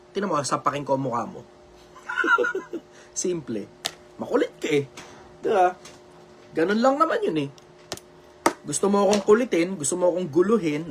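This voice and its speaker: Loud Filipino show host, high voice, blunt and repetitive, swears freely. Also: male voice, a little hiss or hum. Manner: says he speaks loudly on purpose for social media. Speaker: live show host answering viewer questions. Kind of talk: loud, preachy live advice talk. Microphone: video call.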